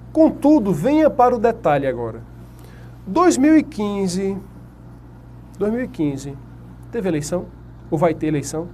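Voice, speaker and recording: High-pitched and warm, the man's voice carries a Brazilian Portuguese accent as he lectures at a whiteboard to prepare students for an exam. He answers the questions he puts to the class himself. A faint hiss or hum sits under the audio.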